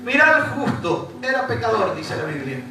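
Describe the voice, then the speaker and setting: A man's voice: sits high, very animated, normal speed, noisy background. A man with a Rioplatense accent preaching a sermon as pastor, repeating phrases and speaking straight to his congregation. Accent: Rioplatense Spanish. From Uruguay. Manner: preaching with repetition and rising emphasis, addressing the congregation directly. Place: church hall. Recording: echoey church hall from far off, music behind.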